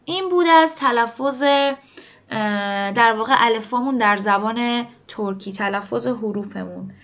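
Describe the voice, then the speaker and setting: Female language teacher, slightly high voice, patient, drawn-out word drills for learners. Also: fairly bright tone. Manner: slow drawn-out repetition of example words; addresses learners directly, explaining pronunciation. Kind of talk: online language lesson.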